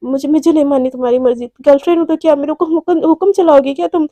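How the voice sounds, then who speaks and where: A woman's voice: sits high, fairly even intonation, very fast, mellow, no echo, natural voice. A woman voicing an upset young woman arguing and pleading with her girlfriend in a storybook romance. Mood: protesting.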